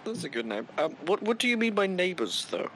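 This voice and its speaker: A man playing a tabletop game, chatting casually in and out of character with an animated, exclamatory manner. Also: high-pitched, a little fast, slight background noise.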